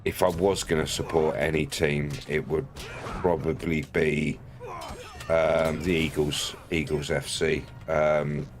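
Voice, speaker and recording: A man's voice: rumbling low, level tone, slow pace. A man from the London area, streaming a game and joking with viewers, laughing often. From London area, England. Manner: jokey, laughs often, trying out regional accents for chat. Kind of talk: casual gameplay commentary, chatting with viewers. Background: faint game music.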